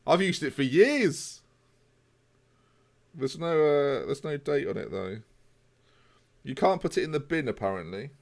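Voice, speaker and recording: A man's voice: a little high, sing-song, unhurried, vocal fry, long pauses. A man, chatting casually with viewers on a live stream. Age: 20s. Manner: chatty, jokey, answers chat.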